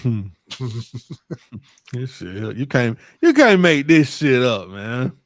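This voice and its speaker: A man's voice: mid-range voice, very animated, slow pace, no echo, clean studio sound. A man, co-hosting a live show in laid-back, chuckling banter. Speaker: co-host.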